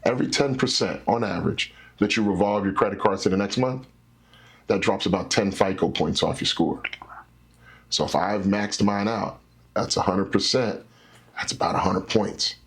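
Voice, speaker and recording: A man who works as a credit specialist, a guest in an interview, explaining things simply with stories and animated little scenarios. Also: fairly low pitch, moderate pace, husky. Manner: animated, teacherly, acts out scenarios.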